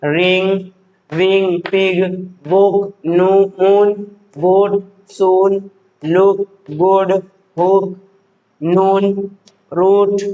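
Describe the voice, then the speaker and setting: A man teaching an English lesson, who repeats each word, asks "what is it?" and then answers, slowing right down for the example sentences. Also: sits high, poor audio. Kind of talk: classroom lesson, word-by-word explanation.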